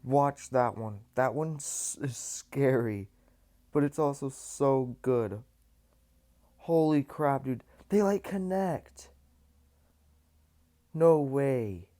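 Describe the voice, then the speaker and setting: A young man chats casually while reacting to a story, slangy and excitable, repeating phrases. His pace is slow and unhurried, and his tone is mellow and dark. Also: mid-range voice. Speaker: YouTube reaction host.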